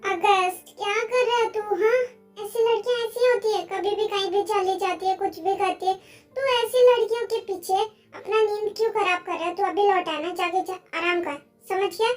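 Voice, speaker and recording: A woman's voice: very high-pitched, steady tone, normal speed. A woman reading as a scolding older sister. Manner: scolding, blunt. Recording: faint background music.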